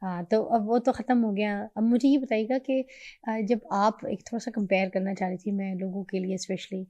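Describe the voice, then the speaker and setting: A woman's voice: mid-range voice, steady tone, mellow. A young adult woman hosting a morning talk show, who listens attentively and murmurs agreement often.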